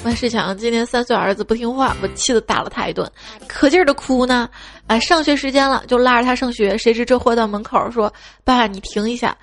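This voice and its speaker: Bright-voiced woman telling funny kid stories. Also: on the high side, steady tone, a little fast, soft background music. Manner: playful, slips into childlike voices for kids' lines. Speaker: host reading funny stories. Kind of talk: radio-style comic storytelling.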